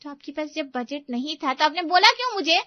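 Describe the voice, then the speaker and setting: A woman voicing a quick-tempered, tearful young bride in a cartoon story, with shrill and petulant outbursts. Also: very animated, no room sound, muffled recording. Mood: sulky, angry.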